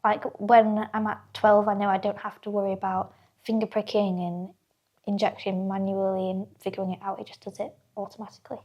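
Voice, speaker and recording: A woman's voice: mid-range voice, little pitch movement, fairly quick, muffled recording. A teenage girl, a guest telling her stories in casual chat and acting out what people said. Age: teens. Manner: chatty storyteller, acts out quotes, laughs often.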